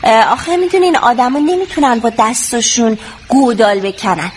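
A woman plays a practical female animal in a comic fable. Her voice is high and her talk is colloquial and respectful. Faint noise runs behind her. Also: natural voice. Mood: hesitant, polite.

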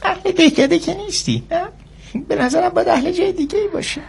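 A woman's voice: very high voice, vocal fry, full character voice. A woman voicing a timid, stammering poor young man in a cartoon dub. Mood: polite. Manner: stammering, hesitant.

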